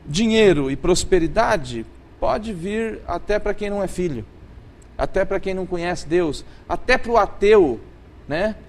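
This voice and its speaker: A man's voice: high voice, expressive, unhurried. A man, a pastor on a panel discussion about faith, explaining his point at length with hesitant restarts.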